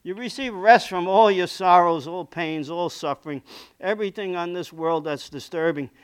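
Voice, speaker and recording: Earnest preacher with a smooth voice. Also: male voice, sits high, moderate pace. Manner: earnest, conversational, frequent "okay?" checks. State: losing his voice. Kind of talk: sermon.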